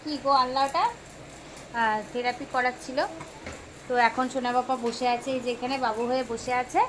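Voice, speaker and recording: A young woman vlogs from inside her home, chatting casually with viewers and often cooing baby-talk at her child. Her high voice comes out flat and fairly quick, with background noise audible.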